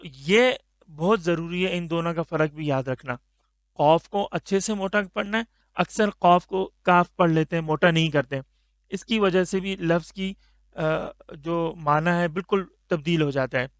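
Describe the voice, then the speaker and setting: A man's voice: fairly high pitch, normal speed, no room sound, clean studio sound. A man teaching Tajweed pronunciation of Arabic letters, patiently stretching each letter sound for the learner. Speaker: Quran recitation teacher.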